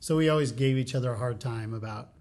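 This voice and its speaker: This is an American man hosting a relaxed interview chat, with a pitch that sits in the middle range. He keeps things light, chatty and joking. He keeps encouraging his guest as he talks. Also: fast talker. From United States. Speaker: host.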